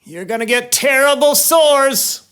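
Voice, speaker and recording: A man playing Moses as a stern adult prophet, proclaiming warnings slowly and solemnly. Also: extremely high pitch, expressive, fairly bright tone, voice pushed up, heavily acted. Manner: slow, raised, solemn proclamation.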